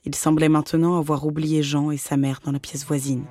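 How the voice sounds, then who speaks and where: A reader narrating a novel in a measured, dramatic way. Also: mid-range voice, flat delivery, over music. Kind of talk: audiobook narration.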